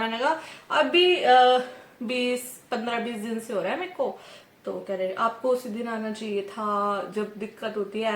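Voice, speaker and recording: Chatting to camera in her vlog, a young woman from India recounts a story and plays out the dialogue between herself and others. Her fairly high, fairly bright voice carries a roomy sound, and "ठीक है" pops up often in her chatty delivery.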